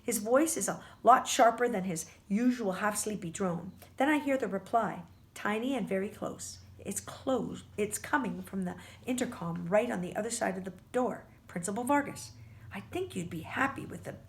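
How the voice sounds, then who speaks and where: A woman reading a novel aloud for a book club, expressive and stumbling now and then over words. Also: medium pitch, moderate pace.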